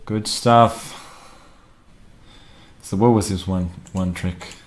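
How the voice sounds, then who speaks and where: A man casually commenting on his own chess game as he plays, wry and relaxed. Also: low voice, slow, soft background music.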